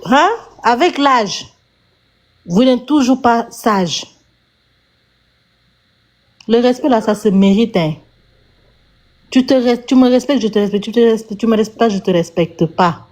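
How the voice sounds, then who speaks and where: A woman's voice: on the high side, unhurried, pauses often, a little mellow. A woman with a Senegalese accent, scolding viewers emphatically on a live stream panel. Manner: emphatic, lecturing, repeats herself.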